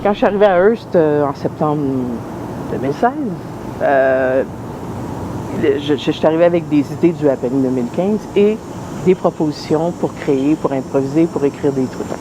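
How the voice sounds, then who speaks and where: A woman playwright, talking thoughtfully in an interview, often pausing and restarting. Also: deep voice. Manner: thoughtful, hesitant, many pauses and restarts. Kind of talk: interview talk. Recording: noisy background.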